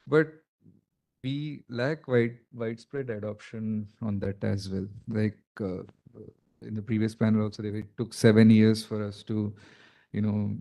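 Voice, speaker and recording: A man's voice: on the low side, fairly even intonation, unhurried, gravelly, mellow. A man with a South Indian accent speaking as a panelist at a conference, explaining in a conversational way with many "you know" fillers.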